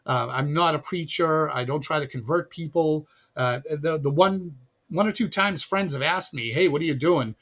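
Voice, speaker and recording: A Chicago man, appearing as a podcast guest, chats casually and freely, often restarting and laughing. His voice sits on the high side, moves at a normal speed, and has a fairly bright tone. The audio is dull and lo-fi.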